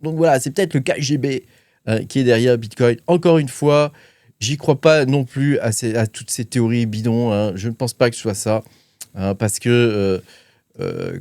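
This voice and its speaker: A man's voice: mid-range voice, lively intonation, moderate pace, a little mellow, dry recording, clean studio sound. A man hosting a crypto channel, talking casually with lots of fillers and hesitations while reading his notes. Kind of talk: casual commentary to camera.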